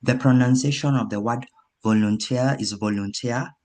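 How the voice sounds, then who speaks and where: Man, grammarian at an online meeting; unhurried, lowish voice, precise, corrects himself. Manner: measured, corrects himself mid-phrase. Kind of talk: meeting feedback report. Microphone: video call.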